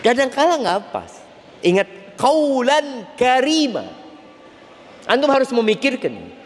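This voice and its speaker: A man with an Indonesian accent giving a lively Islamic sermon lecture, quoting Arabic verses. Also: extremely high pitch, slow. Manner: lively, animated preaching with Arabic recitation. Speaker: preacher. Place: station venue hall with crowd ambience. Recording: reverberant hall, faint background noise.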